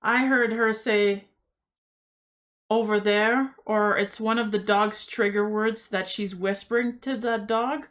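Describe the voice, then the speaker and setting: A woman's voice: medium pitch, steady tone, unhurried, hardly any pauses, fairly bright tone. A woman hosting a reaction video, chatting casually and skeptically about what she sees. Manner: chatty, skeptical, thinking aloud. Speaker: host reacting to paranormal clips.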